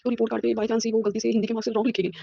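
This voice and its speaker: A woman in her fifties tells a devotional testimony at a racing pace, earnest and repetitive, slipping English words in. Her voice is high, flat in melody and gravelly with fry. It comes through a dull, lo-fi phone recording. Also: very fast, no echo. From Punjab, India. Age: 50s. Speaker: school teacher sharing a devotional testimony. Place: a room at home.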